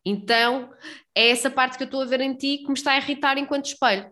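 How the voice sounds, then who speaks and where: A woman's voice: high voice, fast talker, bright, forceful tone. A woman chatting casually in a talkative, slangy, emphatic way. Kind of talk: casual chat.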